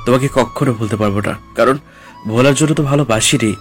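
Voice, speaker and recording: A man's voice: medium pitch, fast, soft background music, close to an everyday voice. A man playing a heartbroken young man. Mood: mournful. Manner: anguished, self-pitying. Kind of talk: audio drama acting.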